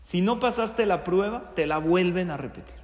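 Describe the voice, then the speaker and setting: A man teaches a Torah-based lesson on life's tests, pressing each point with rhetorical questions and repeated phrases. His voice sits a little high for a man. The recording carries a long, ringing reverb. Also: animated, moderate pace. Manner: poses rhetorical questions, emphatic repetition. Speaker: religious teacher. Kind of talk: Torah-based moral talk.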